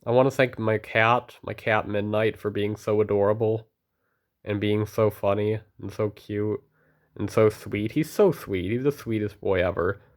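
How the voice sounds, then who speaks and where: A man's voice: on the low side, flat delivery, normal speed. Earnest, rambling teenage guy. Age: teens. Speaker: student vlogger. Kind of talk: casual monologue to camera.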